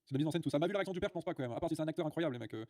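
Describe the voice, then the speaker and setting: A man's voice: on the high side, lively intonation, racing, a little mellow. A man hosting a livestream, ranting bluntly to his viewers with many filler sounds and restarts. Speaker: livestream host. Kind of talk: casual livestream rant.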